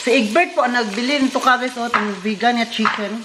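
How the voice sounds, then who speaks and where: A woman from the Philippines hosting a casual family vlog, chatty and quick to laugh, filming on a handheld phone. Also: on the high side. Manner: chatty, laughs often, switches languages. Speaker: vlog host. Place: home kitchen and outdoor walk. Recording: roomy sound with loud cooking noise. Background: frying and sizzling.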